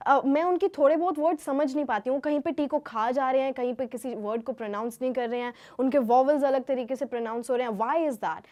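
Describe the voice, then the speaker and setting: A young woman from Haryana, a guest in casual chat, lively, laughing often and switching between two languages. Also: high-pitched. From Haryana, India. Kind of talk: casual chat mixing Hindi and English.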